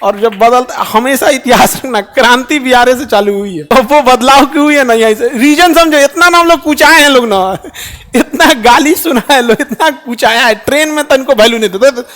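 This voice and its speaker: A middle-aged man speaks in Hindi with a strong Bihari accent, his voice sitting very high for a man. He addresses an audience informally, joking and throwing rhetorical questions at them. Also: normal speed, a bit bright. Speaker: teacher and public speaker.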